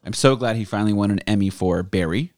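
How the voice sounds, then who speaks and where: A man co-hosting a podcast in casual chat, teasing with wry, deadpan jokes. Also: on the low side, fast, no echo, studio quality. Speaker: podcast co-host.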